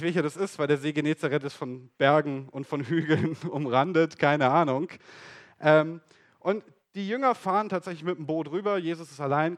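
A man preaching a casual sermon in a lively, slangy way, speaking straight to his listeners. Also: fairly high pitch.

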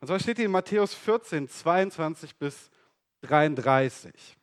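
A man preaching a casual sermon in a lively, slangy way, speaking straight to his listeners. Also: on the high side, a little slow.

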